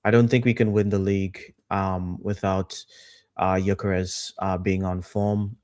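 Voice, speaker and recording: A man's voice: low voice, little pitch movement, measured pace, a little mellow, smooth. A man chatting as a panelist on a football podcast, laid-back and hesitant. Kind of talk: casual football podcast chat.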